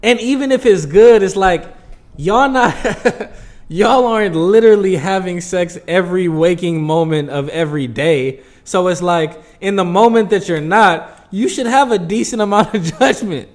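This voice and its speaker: A man's voice: high voice, moderate pace. A man co-hosting a podcast in casual, blunt, joking chat with friends. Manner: laid-back, blunt, joking. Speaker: podcast co-host.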